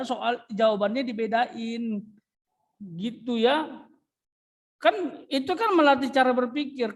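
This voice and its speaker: Male religion teacher, high voice, exasperated, scolding, classroom lecture. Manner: exasperated, scolding, with English interjections.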